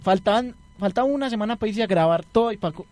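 Young male co-host, high voice, dry close mic, quick with jokes. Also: darkish tone, no room sound. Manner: joking, teasing. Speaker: radio show co-host. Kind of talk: casual chat.

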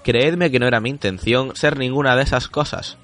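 A man's voice: medium pitch, normal speed, a bit bright, soft background music. A man hosting a casual podcast chat, reading listener comments aloud, laughing often and swearing casually.

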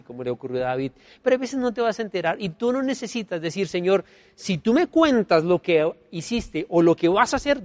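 A man preaching a sermon, emphatic, swinging between soft and loud and repeating key phrases as refrains. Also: fairly high pitch, no echo. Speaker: pastor.

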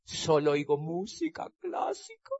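A man's voice: fairly high pitch, wildly swooping pitch, unhurried, vocal fry, a little mellow, husky. A man giving an emphatic motivational stage talk, repeating phrases and checking that listeners understand. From Colombia. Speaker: motivational speaker. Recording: dull lo-fi sound.

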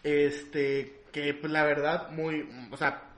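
A Mexican man trading loud, swear-filled banter as a co-host, his voice bright and a little high. The chat sounds like it was recorded in an echoey room. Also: monotone, takes it slowly. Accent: Mexican Spanish. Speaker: podcast co-host. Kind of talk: casual chat.

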